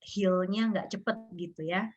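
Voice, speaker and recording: A woman's voice: steady tone, normal speed. Woman, 30s, interview guest; earnest storyteller who voices the people in her story; dull lo-fi audio. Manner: earnest, acts out quoted dialogue with rising pitch. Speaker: guest sharing a personal story. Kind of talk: emotional personal storytelling.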